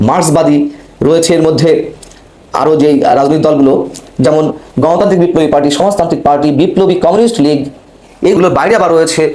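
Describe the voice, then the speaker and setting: A man from Bangladesh hosts a political talk show, delivering a rapid, emphatic monologue straight to his viewers. His voice sits fairly high and climbs on rhetorical questions. The room around him rings with noticeable echo. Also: a little mellow.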